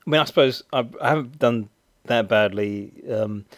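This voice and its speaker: A man's voice: mid-range voice, moderate pace, no room sound, studio quality. A man hosting a podcast in casual chat, rambling and hesitant with many fillers. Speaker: podcast host.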